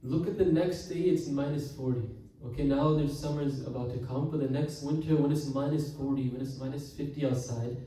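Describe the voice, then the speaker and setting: A man delivers an earnest sermon, often calling out to the congregation and slowing down to stress key words. His voice is dark and mellow. It echoes heavily through a large hall, picked up from a distance with a faint hiss behind it. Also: mid-range voice, fairly even intonation. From Canada. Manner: earnest, addresses the congregation often, slows for emphasis. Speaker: Sikh preacher giving katha.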